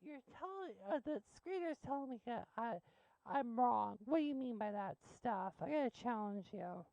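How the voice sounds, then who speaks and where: A woman's voice: a little high, expressive, moderate pace, vocal fry, mellow, no room sound, lo-fi sound. A woman hosting a call-in show, blunt and joking, rambling between callers. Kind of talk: casual call-in radio chat.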